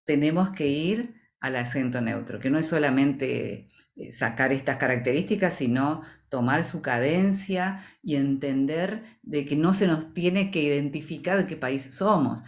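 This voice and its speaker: Low-voiced Rioplatense woman explaining. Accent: Rioplatense Spanish. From Argentina. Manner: articulate, explanatory, measured. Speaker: voice-over professional, association president. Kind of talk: interview answers.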